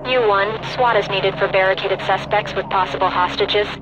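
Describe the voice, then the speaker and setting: An American female police dispatcher, speaks over the radio in a flat, even pitch. She is clipped, procedural and impassive, reading out a call in a tactical video game. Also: moderate pace, lo-fi sound, music in the background. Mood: businesslike, impassive.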